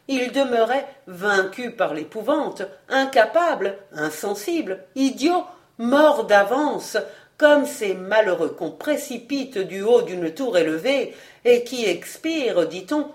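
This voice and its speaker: A woman's voice: mid-range voice, animated, takes it slowly. A woman narrating a classic adventure novel as an audiobook reader, reading expressively.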